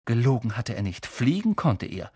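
A man reading a story aloud in an animated storytelling manner. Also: medium pitch, normal speed, husky, no echo, clean studio sound. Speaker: audiobook reader. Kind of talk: scripted narration.

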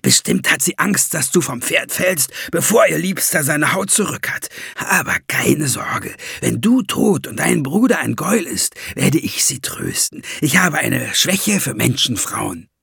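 A man's voice: fairly high pitch, huge pitch swings, slow pace, vocal fry, bright, forceful tone, husky, no room sound, clean studio sound, voice pushed up, exaggerated voice. A man voicing a scheming, gloating male dwarf in an audiobook, sneering and mocking with greedy glee. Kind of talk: audiobook character voice.

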